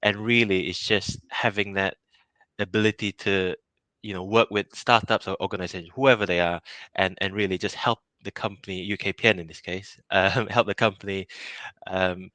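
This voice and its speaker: A man's voice: deep voice, fairly even intonation, moderate pace, pushed and bright, no echo. A man from Malaysia in his thirties, answering interview questions casually, with many fillers, restarts and easy laughs. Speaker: innovation project lead.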